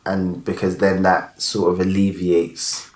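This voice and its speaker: Guy, really deep voice, slow and halting, echoey room. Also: little pitch movement. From London. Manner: slow, hesitant, searching for words. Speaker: podcast guest. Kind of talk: candid conversation. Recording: roomy echo.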